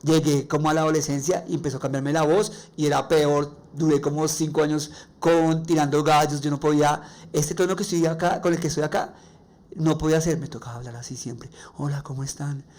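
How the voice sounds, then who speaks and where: A man with a Colombian accent and a nasal, raspy voice, hosting a faith-based podcast monologue and sharing personal stories earnestly. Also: on the high side, flat delivery, brisk, a little mellow. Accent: Colombian Spanish. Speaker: podcast host.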